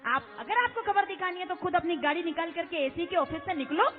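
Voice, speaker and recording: A woman with a very high, piercing voice preaches an impassioned devotional sermon. She keeps throwing rhetorical questions at a large crowd. Her voice rings through a long, echoey space on a tinny, phone-like recording, with faint music behind. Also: expressive, fairly quick. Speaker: kathavachak preacher. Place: large religious gathering.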